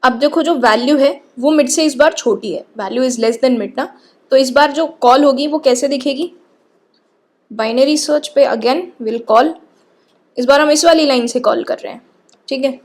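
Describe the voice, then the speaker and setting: High-voiced woman teaching code. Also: measured pace. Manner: explains patiently, often checks in with "ठीक है". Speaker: programming teacher. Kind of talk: lecture, walking through code step by step.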